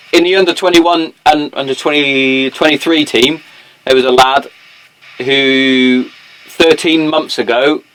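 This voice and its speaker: A man's voice: medium pitch, a bit bright, slight background noise, poor audio. A British man hosting a podcast, chatting casually in a matey, sweary, slangy way. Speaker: podcast host. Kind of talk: casual chat.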